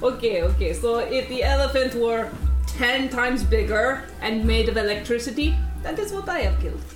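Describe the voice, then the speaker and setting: A woman chats playfully at a tabletop game with very animated pitch. She sounds a little far from the mic in an echoey room, with music behind. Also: normal speed. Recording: distant roomy recording, music behind.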